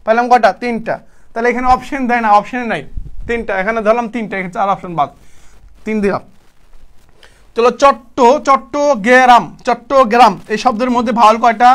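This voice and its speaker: A young man with a very high voice leads a live exam-prep class. He keeps firing quick questions and answering them himself, repeating each point in a casual, brotherly tone. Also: steady tone, a bit bright. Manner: repetitive, drilling students with quick questions and answers; colloquial, addresses students as brother. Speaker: teacher.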